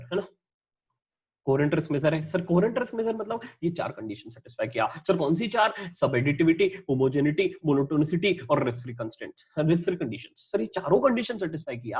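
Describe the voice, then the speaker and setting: भारत का एक पुरुष शिक्षक, जो परीक्षा की तैयारी के लिए लेक्चर देता है। वह बोलचाल के अंदाज़ में, जोश के साथ पढ़ाता है, ख़ुद से सवाल पूछता है और ख़ुद ही जवाब देता है।. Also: male voice, a little high, husky, muffled recording. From India. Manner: lively, conversational, asks and answers his own questions; reads English lines slowly. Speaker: teacher. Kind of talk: exam-prep lecture.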